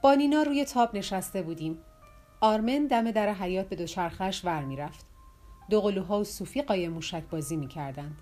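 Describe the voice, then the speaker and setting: A woman narrating an audiobook in a calm, measured reading. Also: medium pitch, soft background music. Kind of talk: scripted narration.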